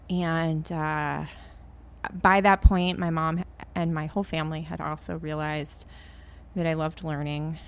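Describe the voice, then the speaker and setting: A woman's voice: low voice, a little hiss or hum. A middle-aged woman from Maine, a podcast guest, talking in a chatty, self-deprecating way. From Maine, USA. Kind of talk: conversational interview.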